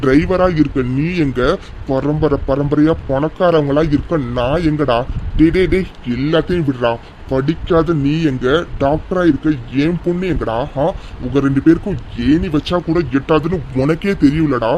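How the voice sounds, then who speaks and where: A man voicing an arrogant rich middle-aged father in a cartoon serial, scolding in a scornful, drawn-out way. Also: on the high side, big pitch swings, lo-fi sound, slight background noise.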